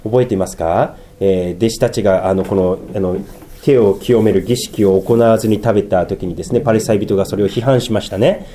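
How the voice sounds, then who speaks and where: A man preaching a sermon. He drags out key phrases slowly for emphasis, then rushes through asides and sometimes laughs at himself. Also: fairly low pitch, slight background noise. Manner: animated, swings between slow emphatic phrases and quick asides, laughs at himself. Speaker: pastor.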